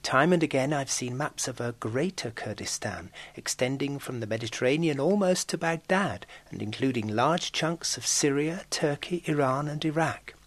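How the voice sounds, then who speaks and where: A middle-aged man from Britain narrates a scripted radio report as a foreign correspondent. His voice is breathy and a little husky, with a lively, swooping melody. He tells the story wryly, as if sharing an aside. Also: mid-range voice, normal speed, few pauses.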